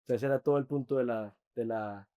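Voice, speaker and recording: A man preaching a sermon as pastor, earnest, often dropping to soft, intimate tones. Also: mid-range voice, fast talker.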